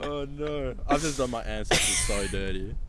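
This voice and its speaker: A man's voice: medium pitch, normal speed, fairly bright tone. A man co-hosting a casual podcast, playful and laughing, groaning at himself in mock embarrassment. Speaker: podcast co-host. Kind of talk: casual chat.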